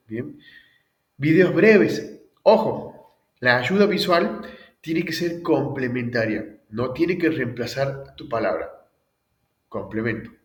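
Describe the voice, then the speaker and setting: A man's voice: fairly high pitch, reverberant, far from the mic. A man teaching public speaking techniques in a recorded lecture, often checking in with the audience. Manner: frequent checks like "¿bien?" and "¿sí?", lively emphasis.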